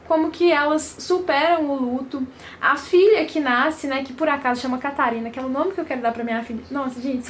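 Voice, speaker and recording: A woman's voice: sits high, a little hiss or hum. A young Brazilian woman chatting casually and effusively about books she read, with lots of fillers. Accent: Brazilian Portuguese. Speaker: book vlogger. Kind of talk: casual book review chat.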